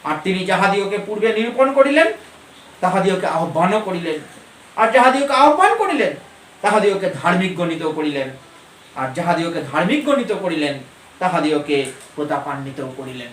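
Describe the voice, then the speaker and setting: A man with a high, ringing voice preaches with fervor, repeating his key lines with rising emphasis. His voice rings through an echoey church and reaches a mic set some distance away, with faint noise underneath. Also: very animated, moderate pace, fairly bright tone. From Bengal. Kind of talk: sermon.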